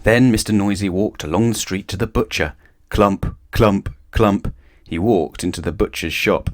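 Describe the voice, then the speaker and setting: A man reads a children's storybook aloud with expressive delivery, his lowish voice moving at a normal speed.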